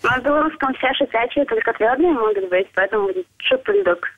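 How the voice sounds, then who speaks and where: A woman's voice: fairly high pitch, lively intonation, quick pace, dry recording. A young woman with a Belarusian accent, chatting casually and playfully as a phone guest on a radio show. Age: young adult. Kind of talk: casual chat. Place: on a phone call. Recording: thin narrowband telephone line.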